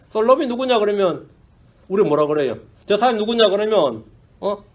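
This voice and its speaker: A male pastor preaching a sermon in an animated way, asking the congregation questions and mixing in English phrases. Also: high voice. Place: church.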